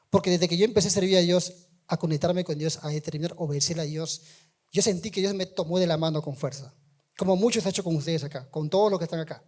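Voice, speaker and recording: A middle-aged man giving a sermon testimony, moving from quiet storytelling to loud, emphatic calls to the congregation. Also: sits high.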